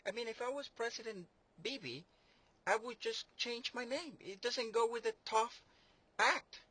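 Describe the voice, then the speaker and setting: Husky, high-voiced sarcastic man rambling. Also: normal speed, bright, forceful tone. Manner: rambling, mocking, many fillers and restarts. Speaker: commentator. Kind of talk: sarcastic political monologue.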